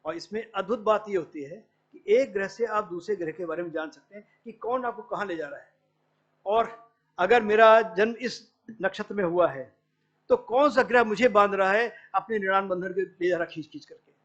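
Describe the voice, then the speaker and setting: Guy lecturing at a workshop, fairly high voice, muffled lo-fi sound. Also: normal speed, fairly bright tone. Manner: explanatory, quotes Sanskrit verses, asks for slides. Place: lecture hall.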